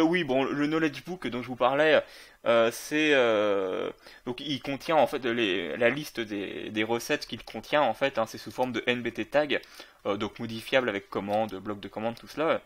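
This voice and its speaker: Speaking a little slowly in a mid-range, fairly bright voice, a man who makes gaming videos comments loosely on the game he's playing. His talk is full of fillers and self-corrections.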